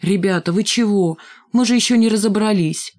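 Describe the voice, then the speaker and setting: A woman's voice: mid-range voice, moderate pace, a little mellow, natural voice. A woman voicing a flustered, anxious schoolboy who pleads with his classmates, in an audiobook reading. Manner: fussing, pleading.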